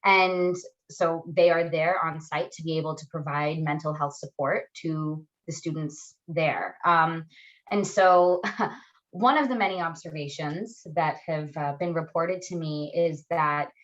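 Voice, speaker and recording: A woman who works in social services speaks on a panel with measured, professional calm. Her voice is somewhat low. The audio is dull and lo-fi. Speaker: social services staff member. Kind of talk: panel discussion remarks.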